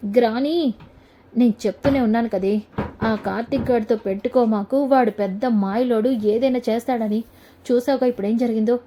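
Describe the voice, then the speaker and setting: A woman's voice: on the high side, fairly even intonation, moderate pace, mellow, slight background noise, close to an everyday voice. A scheming, scolding granny, as a woman narrates her. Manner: scolding, advising. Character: scheming older grandmother, scolding.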